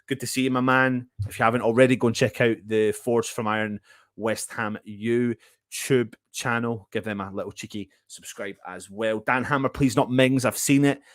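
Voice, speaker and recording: A man's voice: medium pitch, fairly even intonation, normal speed, no room sound. A man hosts a football fan live show, chatting casually and chummily with viewers and commenting on club news. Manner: chummy, greets viewers as mate.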